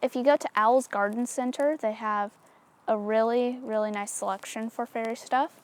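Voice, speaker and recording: Her fairly high voice stays mostly even in intonation as she moves at a moderate pace. She's a craft tutorial host demonstrating a project hands-on, easygoing and talkative, with plenty of little filler words.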